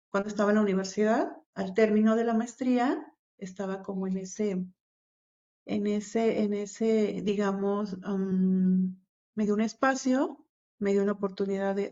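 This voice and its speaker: A woman with a Mexican accent speaks as a panel guest, pausing often with fillers and restarting her sentences. Her voice is mellow and warm. The sound is dull and lo-fi. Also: medium pitch. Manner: hesitant, many fillers and restarts. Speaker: panel guest, university academic assistant. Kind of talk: panel talk.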